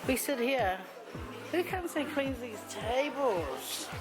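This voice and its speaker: A woman's voice: sits high, very animated, slow. A woman vlogger chatting casually to camera and companions in a playful, teasing, chatty way. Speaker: vlogger hosting a food outing. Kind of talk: casual vlog chat. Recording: loud music behind a casual vlog recording. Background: loud music.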